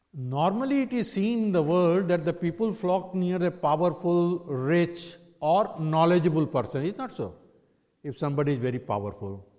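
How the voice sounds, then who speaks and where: A man's voice: fairly high pitch, mellow. North Indian man preaching in a reverberant hall. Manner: didactic, poses rhetorical questions to listeners. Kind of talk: religious discourse in English with Hindi and Sanskrit phrases.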